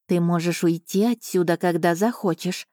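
A woman reading an audiobook voices an ancient female island spirit who speaks slowly and solemnly, imploring for help. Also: on the low side, steady tone, warm tone, dry recording, clean studio sound, natural voice. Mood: solemn pleading. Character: ancient female island spirit, pleading, gentle yet sorrowful.

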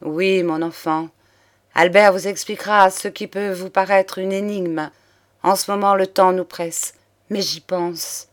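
A woman reading the lines of an elderly count, a grieving but energetic aristocratic father who speaks earnestly and tenderly in an audiobook of a crime novel. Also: mid-range voice, a little slow, natural voice. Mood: reassuring. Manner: earnest, paternal, exclamatory.

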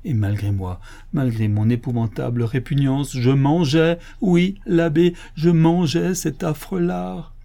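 Brief: anguished glutton of a canon, storybook reading, a man playing him, mellow and a bit husky. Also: medium pitch, normal speed, close to an everyday voice. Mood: lamenting. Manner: anguished, theatrical lamenting. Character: gluttonous older male canon, lovesick for lost food. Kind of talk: audiobook reading of a classic novel.

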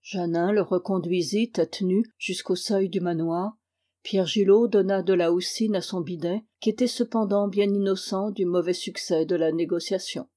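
Mellow-voiced woman reading a novel aloud. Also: medium pitch. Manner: steady, measured reading, lifting the voice for quoted dialogue. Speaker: audiobook reader. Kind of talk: audiobook narration of a historical novel.

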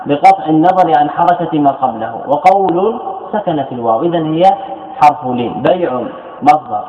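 A man's voice: on the high side, lively intonation, moderate pace, a little hiss or hum. A man teaching grammar as a scholar in a classroom lecture. He repeats key phrases and asks questions that he answers himself. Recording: tinny echoey lecture hall recording.

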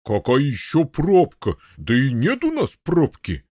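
A man voicing a gruff, grumbling elderly Norman knight in an audiobook, with a husky, blustering manner. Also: mid-range voice, huge pitch swings, a little slow, darkish tone, no echo, clean studio sound. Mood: huffy. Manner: blustering, huffy protests. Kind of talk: audiobook character voice.

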